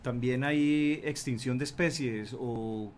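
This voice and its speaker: A man's voice: mid-range voice, slow pace, a little hiss or hum. A male radio host asking a guest questions, hesitant with fillers. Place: radio studio.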